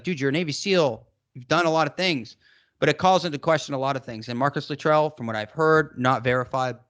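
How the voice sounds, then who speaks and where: A man's voice: medium pitch, a bit bright. Late 20s guy from massachusetts ranting on a podcast, rambly and emphatic, medium voice. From Massachusetts, United States. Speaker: podcast co-host. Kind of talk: casual podcast discussion.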